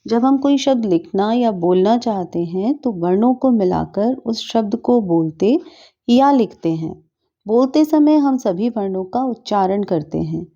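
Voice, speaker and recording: A woman teaching a children's grammar lesson, pronouncing words slowly and deliberately. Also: medium pitch, warm tone. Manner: slow, deliberate word-by-word pronunciation. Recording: dull lo-fi recording.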